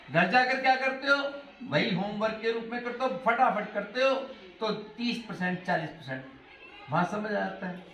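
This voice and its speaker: A middle-aged man speaking as a motivational speaker to schoolchildren, animated and asking the class questions. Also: sits high, a little hiss or hum. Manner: animated, asks the class questions, mixes in English phrases. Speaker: motivational speaker addressing students. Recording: echoey hall, voice from a distance.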